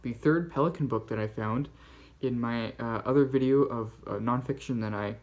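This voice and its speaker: Halting Canadian man talking books. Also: mid-range voice, darkish tone. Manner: halting, rambling delivery. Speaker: book channel host. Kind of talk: casual book-haul vlog.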